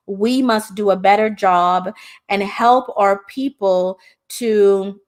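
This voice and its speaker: A middle-aged Jamaican woman, a hypnotherapist, hosts a live-stream discussion, speaking passionately and often addressing her viewers directly. Her voice is mid-range and her pace is slow.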